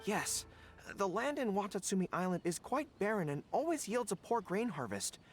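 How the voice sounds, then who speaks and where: Woman as an animated, boyish, earnest young soldier. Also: medium pitch, moderate pace, natural voice. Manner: hesitant, stammering when flustered. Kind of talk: scripted game dialogue. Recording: music behind the voice.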